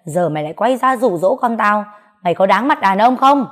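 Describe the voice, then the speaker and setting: A woman voicing an angry middle-aged father who scolds his grown daughter loudly, in a storybook reading. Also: medium pitch, lively intonation, fairly quick, natural voice. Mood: furious. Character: furious middle-aged father, harsh and shouting.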